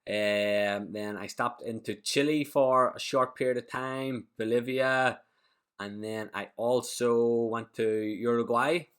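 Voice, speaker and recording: A young Irish man chatting easily as a podcast guest, relaxed and quick to laugh. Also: mid-range voice, clear, resonant tone. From Ireland. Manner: relaxed, easygoing, laughs often. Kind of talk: casual interview chat.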